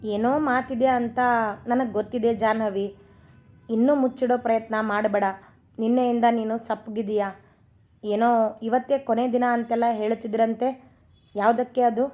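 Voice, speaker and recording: A calm, caring young husband from a read-aloud love story, talking gently and reassuringly, as a woman narrator voices him. His lines keep the light, slightly high voice of the reader. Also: normal speed, long pauses, lightly acted. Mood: coaxing.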